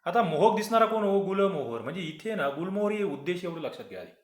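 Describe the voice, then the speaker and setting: A man's voice: sits high, sing-song, fast, echoey room. A man, teaching grammar and explaining quiz answers, asking the class rhetorical questions. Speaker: exam-prep grammar teacher.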